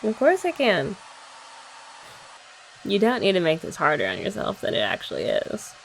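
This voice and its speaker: A hair dryer runs faintly behind this ASMR roleplay, where a young woman plays a girlfriend whose hair is being dried, teasing and chatting in a soft voice. Her medium-pitched voice swings hugely in pitch, carries vocal fry, and moves at a moderate pace, with poor audio.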